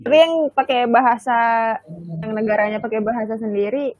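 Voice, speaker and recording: Young female co-host, slightly high voice, slangy, tinny phone-like audio. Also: steady tone, a little fast, dry recording. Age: young adult. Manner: slangy, offhand. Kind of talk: casual chat.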